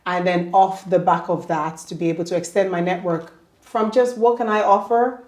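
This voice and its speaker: A woman in her forties, an HR professional and author, talking in a measured, thoughtful way on a podcast panel. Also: on the low side, fairly even intonation, darkish tone. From outside the UK. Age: 40s. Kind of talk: casual podcast discussion. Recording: roomy echo.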